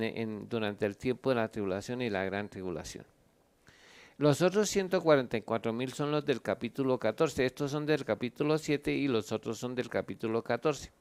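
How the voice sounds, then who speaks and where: Smooth-voiced pastor teaching the Bible. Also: male voice, mid-range voice. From Colombia. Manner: explains at length, reads scripture aloud, pauses to look up verses.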